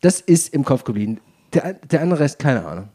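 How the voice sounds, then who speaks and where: A man's voice: medium pitch, very animated, fairly quick, warm tone, husky. A man co-hosting a casual podcast, wry and teasing, defending his lukewarm opinion with hesitant restarts. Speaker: podcast co-host.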